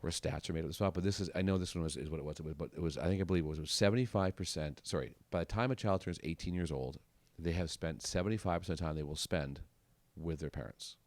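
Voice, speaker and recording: A male podcast host with a low voice rattles off rambling stories at a quick clip, slipping into the voices of the people he quotes. The sound is dry and close-miked. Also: dry recording. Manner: rambling, chatty storyteller acting out quotes. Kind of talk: podcast interview conversation.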